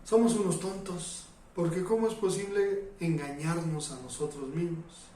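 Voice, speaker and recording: A man's voice: fairly high pitch, fairly even intonation, moderate pace, warm tone, a little hiss or hum. A man with a Mexican Spanish accent, teaching a Bible study as a pastor, putting rhetorical questions to the congregation. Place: church hall. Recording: echoey hall from a distance.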